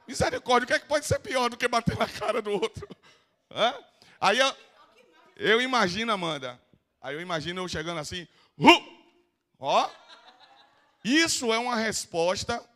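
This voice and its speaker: A man's voice: sits high, sharp tone. A Brazilian man with a Bahian accent, a psychoanalyst giving a live lecture in a council chamber, playfully teasing the audience and calling up volunteers. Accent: Bahian Brazilian Portuguese.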